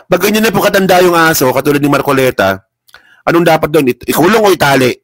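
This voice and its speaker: Sitting indoors at his laptop, a Filipino political vlogger reads headlines on a casual livestream, laughing frequently and mocking as he goes. He has a high voice, captured in a dry recording with poor audio.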